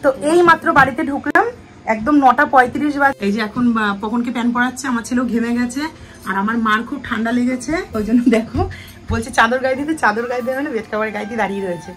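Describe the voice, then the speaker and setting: A woman's voice: fairly high pitch, quick pace, fairly bright tone. A woman in her thirties, a mother chatting casually to her viewers while vlogging on a phone, first out walking on a street and then at home. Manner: chatty, addresses viewers directly. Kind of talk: casual vlog narration to viewers. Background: background music.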